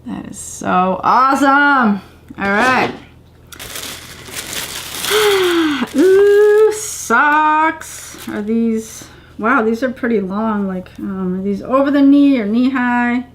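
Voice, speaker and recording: Casting: female vlogger, middle-aged, slightly high voice, casual to-camera unboxing, unhurried pace, recorded at home on a camera mic. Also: animated, a bit bright, a little hiss or hum. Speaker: vlogger unboxing a subscription box. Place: indoors, home living room on a couch.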